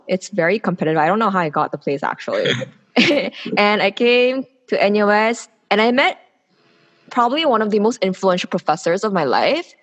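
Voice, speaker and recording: With a medium-pitched, fairly bright voice, this podcast guest is a public policy student from South Korea in her twenties. She gives candid, opinionated answers in a casual interview and explains her views at length.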